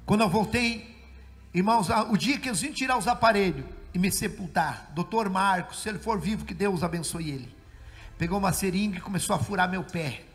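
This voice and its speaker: A middle-aged man, a pastor, giving an emotional testimony sermon in church that swells into shouted preaching. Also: high voice, fairly quick. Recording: church hall reverb with faint music.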